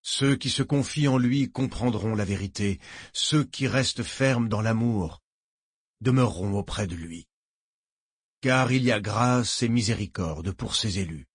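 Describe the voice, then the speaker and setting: A man reading a novel aloud as narrator, in a measured, solemn way. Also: lowish voice, breathy edge, no echo, studio quality. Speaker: audiobook narrator. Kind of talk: audiobook narration.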